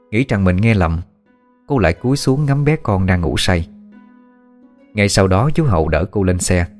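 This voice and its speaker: A man narrating a ghost story audiobook in a steady telling. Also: sits low.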